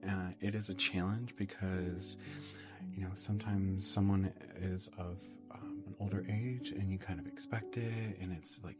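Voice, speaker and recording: Low, hushed man with a library voice. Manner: hushed library voice, soft and ASMR-like. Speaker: podcast host. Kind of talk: casual, reflective conversation.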